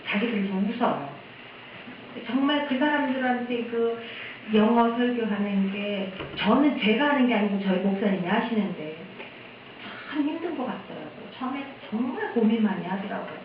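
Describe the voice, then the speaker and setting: A woman's voice: fairly high pitch, lively intonation, normal speed, slight background noise. Korean woman missionary speaking in an echoey church. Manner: candid, chatty storytelling. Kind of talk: testimony talk at a church service. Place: church sanctuary. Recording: echoey hall, distant dull mic.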